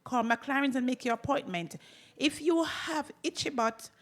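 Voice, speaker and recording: A woman's voice: sits high, normal speed. A woman, a holistic clinic doctor, promoting her clinic on a radio talk show with emphatic repetition. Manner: emphatic, repeats words for effect, laughs often. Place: radio studio.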